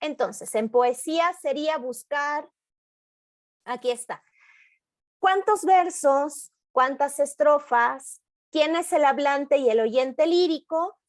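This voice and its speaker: High-voiced woman teaching a lesson. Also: no room sound, studio quality. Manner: patient explanatory tone, reading poem lines aloud slowly. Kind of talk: online workshop lesson on poetry analysis. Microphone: video call.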